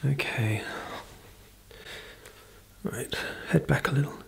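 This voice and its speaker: A woman in her thirties performing a fast whispered role-play as a brisk, chatty makeup artist, murmuring softly close to the microphone. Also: very deep voice. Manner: fast, breathy ASMR whispering and soft murmuring. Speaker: ASMR performer.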